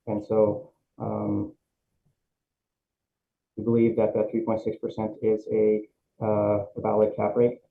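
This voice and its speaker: A city assessor testifies before a review board over a video call, speaking haltingly with many fillers and restarts. His voice is fairly low, monotone and gravelly. He holds the mic close, but the call audio is tinny with a faint hiss.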